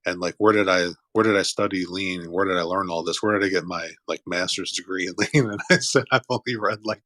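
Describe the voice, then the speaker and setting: A man's voice: low-pitched, a little fast, sharp tone, no room sound. A man hosting a casual online chat, talking enthusiastically and laughing easily. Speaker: host. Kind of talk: casual chat on an audio room.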